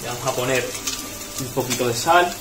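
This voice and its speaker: Talking a little fast in a mid-range voice, a chef works through a recipe step by step and keeps checking in with viewers. He's in a small tiled restaurant kitchen where the sound echoes over frying, a sizzling pan and kitchen ambience.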